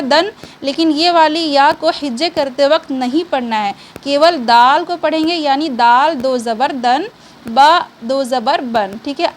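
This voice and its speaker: Patient high-voiced woman teaching reading. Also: slight background noise. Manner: patient, repeats questions and answers for learners; reassuring, checks in with frequent okays. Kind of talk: step-by-step online lesson.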